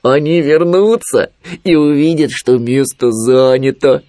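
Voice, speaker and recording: A man voicing a gloomy young male bear in a storybook, drawing his words out slowly with sighs. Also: medium pitch, dark tone, no echo, lightly acted. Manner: slow, sighing, drawn-out words.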